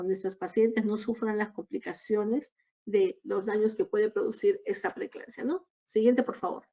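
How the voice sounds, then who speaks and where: A woman giving a recorded obstetrics lecture, explaining each slide in a measured way. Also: mid-range voice, dark tone. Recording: dull lo-fi lecture audio.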